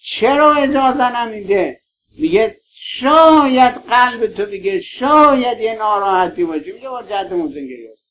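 A man's voice: sits high, expressive, a bit bright. A man preaching a mourning sermon, pleading with his listeners and calling them by affectionate names. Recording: dull lo-fi recording.

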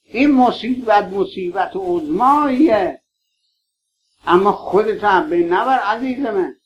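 High-voiced pleading male preacher, lo-fi. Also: lively intonation, a little hiss or hum. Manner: pleading, affectionate appeals to listeners. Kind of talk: mourning sermon. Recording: dull lo-fi recording.

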